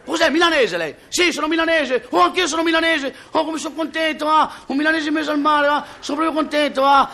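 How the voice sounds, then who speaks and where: A man voicing two overjoyed shipwrecked men who shout across the sea at each other in a giddy, shrill way. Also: sing-song, rapid-fire, few pauses, heavily acted.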